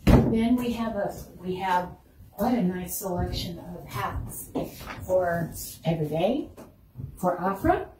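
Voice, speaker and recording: A museum curator leads a casual tour through an echoey indoor room, chatting, lingering on exhibits and laughing easily. Her voice sits fairly low and comes out expressive and slow. The recording is roomy, with a distant mic and faint noise.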